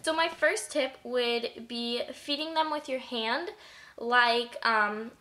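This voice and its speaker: A woman's voice: a little high, fairly bright tone. A young woman giving casual pet-care tips in a chatty vlog, full of fillers. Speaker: pet vlogger.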